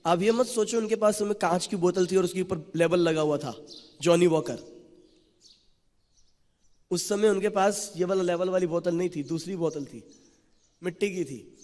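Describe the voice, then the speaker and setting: A man with a high-pitched voice preaches in a temple hall, telling the story in an animated way. A long echo trails after each phrase he speaks. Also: normal speed, pauses often. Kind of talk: sermon. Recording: long reverb of a large hall.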